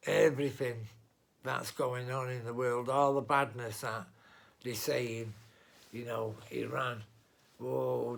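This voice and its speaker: In a gravelly, fairly bright voice of medium pitch, a man addresses his viewers with a blunt, rambling political monologue. He vlogs without a script, restarting sentences and slipping in asides.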